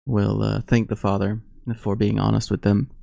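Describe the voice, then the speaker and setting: A man narrating a solo tabletop game as game master, relaxed and halting. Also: fairly low pitch, gravelly, no echo, studio quality.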